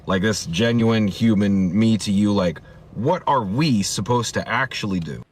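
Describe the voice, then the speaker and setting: A man's voice: fairly low pitch, a little slow, slightly rough. A man talking earnestly to camera in a clip, asking searching rhetorical questions.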